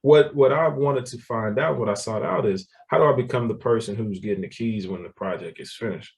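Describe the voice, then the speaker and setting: A man's voice: lowish voice, fairly quick, gravelly, distant mic. Laughing man, mic held back. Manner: animated storyteller, laughs often, repeats words. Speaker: guest, real estate developer. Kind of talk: casual interview talk.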